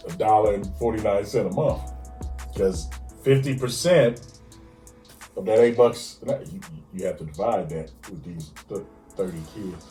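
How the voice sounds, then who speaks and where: A man's voice: lowish voice, warm tone, roomy sound, distant mic. A man co-hosting a podcast, ranting in casual chat with frequent stammered restarts. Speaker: podcast co-host.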